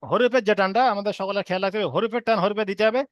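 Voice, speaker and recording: A man teaching an online class on reading letters, who chants drawn-out letter sounds between quick explanations. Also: high voice, steady tone, no echo, highs cut off. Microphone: own microphone on an online call.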